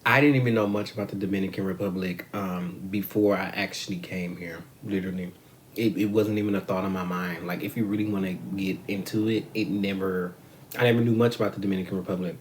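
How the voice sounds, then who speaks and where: Deep-voiced and steady, this American vlogger speaks quickly to his camera between bites, cursing and slinging slang in a frank, rambling way. There's slight hiss or hum on the camera mic.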